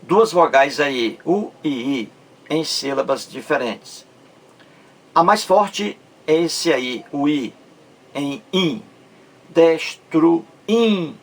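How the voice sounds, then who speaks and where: In this explanatory video lesson on grammar, the male teacher has a fairly high, animated, somewhat bright voice. He pulls each word apart slowly, syllable by syllable, and often checks in with listeners to ask if they follow.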